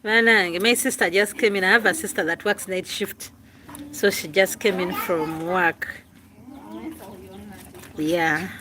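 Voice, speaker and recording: A woman's voice: on the low side, fairly even intonation, unhurried, pauses often, pushed and bright, slight background noise. A woman from Uganda chatting casually to viewers during a live stream from her family home, laughing often and calling out to relatives. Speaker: vlogger doing a live stream.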